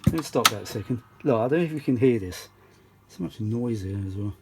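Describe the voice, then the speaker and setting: Fast, lively, and fairly bright in tone, a British man at medium pitch demonstrates vintage audio repairs in a loose, chatty vlog full of exclamations. The audio is noisy, with clear background noise.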